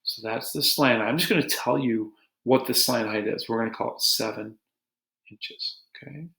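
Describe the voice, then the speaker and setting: A man teaching a geometry lesson to his students in a relaxed, joking way, talking as he draws. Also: mid-range voice, moderate pace, gravelly. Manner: relaxed, joking, talks while drawing on a board. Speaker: math teacher. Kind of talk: recorded math lesson. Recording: echoey room.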